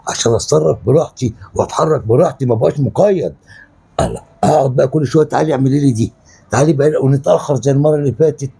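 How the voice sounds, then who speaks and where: An actor with an Egyptian accent playing a smooth-talking, hot-tempered con-man stepfather in a web drama. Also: medium pitch, very fast. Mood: persuasive. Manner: coaxing then shouting.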